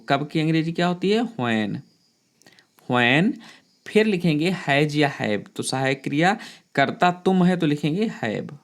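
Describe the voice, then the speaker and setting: A teacher gives a step-by-step grammar lesson at an ordinary mid-range pitch. The delivery is patient and explanatory, addressing the students fondly. English words are spelled out letter by letter and sentences are dictated slowly.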